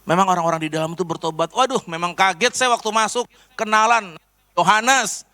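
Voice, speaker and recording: A man's voice: high-pitched, fast, bright, forceful tone. A man preaching a personal testimony, telling his story animatedly to the congregation. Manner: storytelling, addresses congregation as saudara. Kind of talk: sermon testimony.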